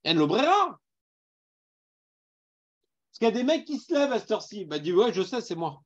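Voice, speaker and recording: A man's voice: sits high, big pitch swings, rapid-fire, a little mellow, highs cut off. A man with a Parisian accent teaching a Talmud class, putting questions to his students and mixing in Hebrew terms. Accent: Parisian French.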